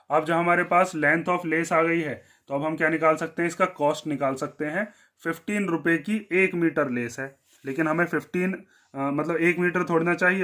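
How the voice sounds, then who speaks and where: An Indian man teaching a maths lesson step by step, asking questions and answering them himself, and dropping low on the one-word answers. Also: a bit bright.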